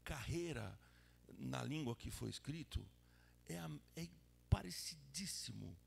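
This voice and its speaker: A Brazilian pastor preaches with a strongly gravelly, fry-laden voice that rides high and swings widely in pitch. He drops to whispers and then bursts out loud, acting out the people he quotes. A faint hum sits under the recording. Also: unhurried. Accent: Brazilian Portuguese. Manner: animated, shifts between whispers and loud exclamations, acts out quoted lines. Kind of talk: sermon. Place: church service.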